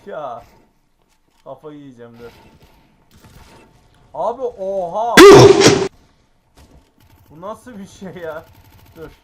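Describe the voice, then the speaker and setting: A man commentating his own gameplay, excitable and frequently exclaiming and grumbling at the game. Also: fairly high pitch, a little slow, long pauses, heavy background noise. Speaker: gaming YouTuber.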